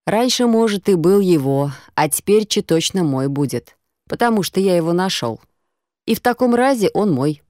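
A woman voicing a rough, cheeky male stranger who talks in coarse slang and drawls his mocking replies. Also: on the low side, lively intonation, normal speed, a little mellow, no echo, clean studio sound, close to an everyday voice. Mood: gruff, mocking.

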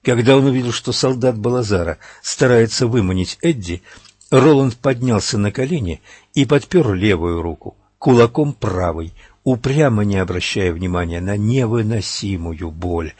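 A man narrating an audiobook in a steady, dramatic reading. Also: fairly low pitch, normal speed, slightly rough, dry recording.

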